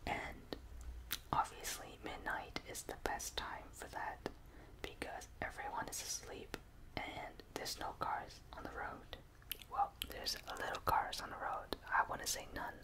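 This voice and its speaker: Slow, whispered ASMR ramble from a young person. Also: rough recording. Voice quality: soft breathy whisper. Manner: whispering ear to ear, close to the listener. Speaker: ASMR video maker. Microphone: close binaural microphone.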